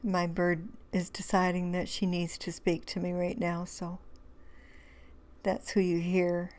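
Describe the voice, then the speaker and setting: A hoarse woman, rambling through a relaxed crafting tutorial voice-over with many fillers and restarts. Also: fairly low pitch, unhurried. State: hoarse, losing her voice. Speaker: craft video host.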